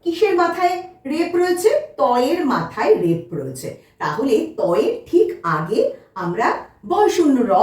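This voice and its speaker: A woman teaching a children's spelling lesson, slow and patient, repeating each word twice. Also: high voice, a little mellow. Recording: echoey room, mic at a distance.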